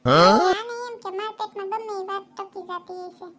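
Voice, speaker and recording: A woman voices a gossipy village housewife who lends money in a cartoon, speaking with a Kathiawadi Gujarati accent. Her voice is very high-pitched and very animated, and the delivery is chatty, boastful and quick-tongued.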